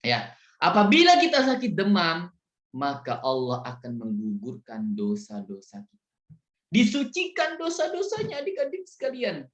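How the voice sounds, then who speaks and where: A man teaching a religious story lesson to children, speaking slowly and animatedly and asking them questions. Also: medium pitch, huge pitch swings, fairly bright tone. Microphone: video call. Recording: echoey, dull video call audio.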